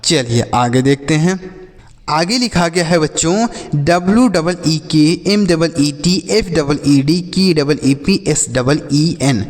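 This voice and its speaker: A man's voice: on the high side, slow pace. Patient male teacher in a reverberant room. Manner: patient, repetitive, asks questions and answers them himself. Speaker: English teacher. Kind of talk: phonics lesson for children.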